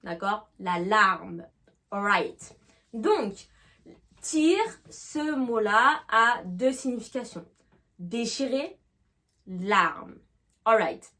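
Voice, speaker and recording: A woman's voice: mid-range voice, lively intonation, extremely slow, long pauses, bright, forceful tone. Patient woman teaching English vocabulary. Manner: patient, explanatory, often asks "d'accord?". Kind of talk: online language lesson.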